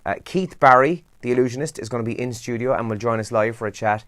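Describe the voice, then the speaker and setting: A man's voice: medium pitch, quick pace, fairly bright tone, dry recording, studio quality. A man with a Kerry Irish accent hosting a breakfast radio show, chatting casually through the morning papers with asides and rhetorical questions. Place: radio studio.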